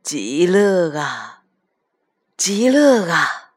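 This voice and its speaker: Woman doing a slow, low old grandfather. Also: big pitch swings, husky, dry recording, studio quality, heavily acted. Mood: contented. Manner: slow, drawn-out murmur. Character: gentle dying old grandfather, content.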